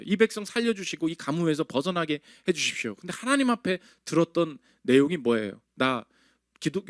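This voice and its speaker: A male pastor preaching a sermon in an animated way, acting out the voices he quotes. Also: high-pitched, dry recording, clean studio sound.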